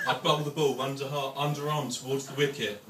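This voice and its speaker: A man's voice: mid-range voice, fairly even intonation, fairly quick. A young British man giving a wedding toast speech as best man, with dry, joking delivery to the guests. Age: young adult. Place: large room with wedding guests. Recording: echoey, noisy room, distant microphone.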